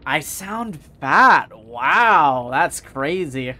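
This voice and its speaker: A man's voice: a little high, sing-song, very slow, sharp tone. A man streaming a video game with casual, sarcastic live commentary. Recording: clear background game noise. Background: video game ambience.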